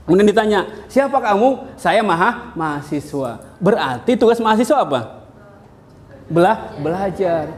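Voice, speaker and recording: A man from Indonesia, a university lecturer, giving a classroom lecture in an animated storytelling manner, asking his students questions. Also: high voice, unhurried. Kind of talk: classroom lecture with jokes and anecdotes.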